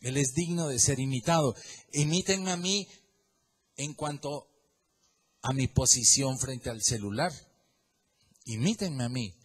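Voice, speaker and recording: A middle-aged man preaching a sermon, swinging between loud emphasis and quiet asides and repeating phrases for emphasis. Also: medium pitch, a little slow, long pauses, slightly rough. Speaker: pastor.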